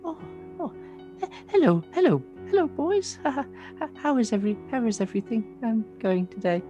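A man voicing a flustered, evasive farm woman with a high, stammering voice. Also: expressive, moderate pace, mellow, lo-fi sound, faint music behind.

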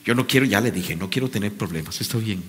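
A man in his fifties performing as a ventriloquist, patiently scolding his puppet and calming it down. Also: fairly low pitch, fast talker, slight background noise. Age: 50s. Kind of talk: ventriloquist comedy act. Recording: reverberant hall.

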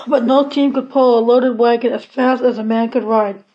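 A woman's voice: a little high, expressive, unhurried, a little mellow. Woman reading a storybook aloud. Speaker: audiobook reader. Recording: slightly dull lo-fi recording.

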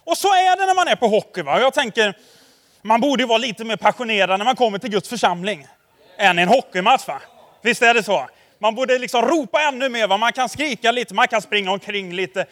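A man's voice: sits high, animated, fairly bright tone, in a large hall. A man preaching a casual, conversational sermon to a congregation, telling anecdotes and constantly asking them for agreement with tag questions. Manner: anecdotal storytelling, addressing the audience directly. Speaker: pastor. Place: church hall before a congregation.

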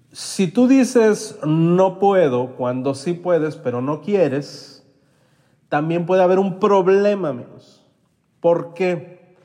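A man's voice: fairly high pitch, dark tone, long reverb tail. A man giving a motivational self-help talk as a podcast host, coaching listeners and having them repeat phrases after him.

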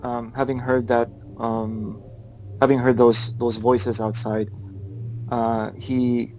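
A man's voice: medium pitch, little pitch movement, slow, darkish tone, faint music behind, low-quality recording. A man playing in a tabletop game, describing his character's actions hesitantly with many ums and restarts. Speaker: player. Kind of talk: tabletop role-play chat.

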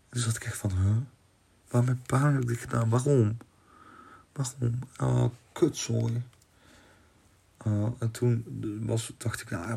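A young man tells a personal story on his podcast in a loose, rambling way, often restarting his sentences. His voice is low, dark and husky, with a gravelly edge. He speaks in a flat, even tone. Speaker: podcast host.

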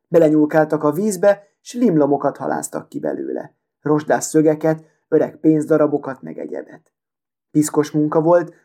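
Storyteller reading a fairy tale: a man with a fairly high, mellow voice and a calm, measured delivery.

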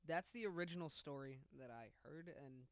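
A man's voice: fairly high pitch, animated, fairly quick, dry recording. A man, co-hosting a casual podcast and talking loosely and profanely. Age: 20s. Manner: loose, profane, laughing often. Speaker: podcast co-host.

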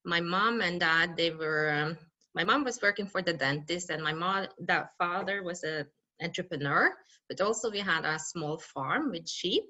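A woman's voice: fairly low pitch, animated, moderate pace, pushed and bright, muffled recording. A woman with a Norwegian accent answering interview questions, hesitant and full of fillers. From Norway. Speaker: guest, mountaineer and entrepreneur.

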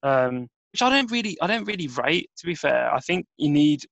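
A man hosting a casual football podcast, relaxed and hesitant with many fillers. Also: fairly high pitch, normal speed, vocal fry, dry recording, lo-fi sound. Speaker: podcast host.

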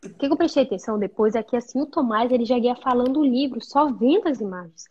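Casting: talkative woman, somewhat high pitch, mother guest sharing parenting experience, lo-fi sound. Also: fast, darkish tone, husky. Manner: chatty, explanatory, frequent tag questions. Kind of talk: casual conversation.

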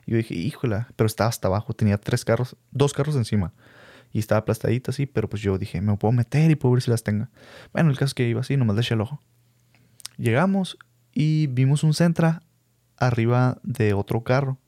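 A man's voice: mid-range voice, quick pace, no echo, studio quality. A young man with a Mexican Spanish accent casually telling a personal story, acting out the people he quotes. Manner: lively storyteller who acts out quoted people and laughs.

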